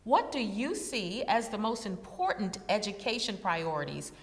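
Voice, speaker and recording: A woman interviewer reading formal questions to a candidate in a measured way. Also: medium pitch, very animated. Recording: hall with long reverb.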